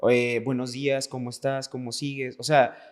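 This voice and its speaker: Heard through a hall-like echo, this podcast guest keeps his medium-pitched voice fairly flat and moves at a moderate pace. He's a dancer from Veracruz, Mexico, around thirty, speaking sincerely about personal matters and repeating words to stress them.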